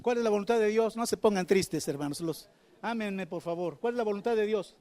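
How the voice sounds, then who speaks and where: A man's voice: high voice, brisk, mellow. A man preaching a sermon, asking the congregation questions and repeating phrases for emphasis. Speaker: pastor.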